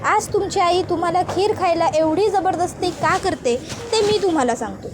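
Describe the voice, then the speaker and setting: Woman plays a determined young man, calm, high. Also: moderate pace, background noise.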